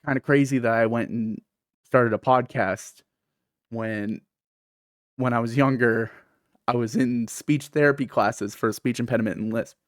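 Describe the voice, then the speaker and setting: Unhurried and steady, this man speaks in a mid-range voice and pronounces th as f because of a lisp. The studio-quality recording has no echo, and he's a podcast host and streamer rambling candidly and self-deprecatingly on his casual solo podcast.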